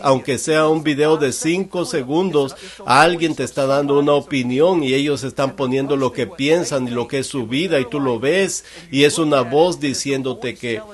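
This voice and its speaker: A man delivering a sermon in translation, earnest and questioning, with repeated rhetorical questions. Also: mid-range voice. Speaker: church interpreter.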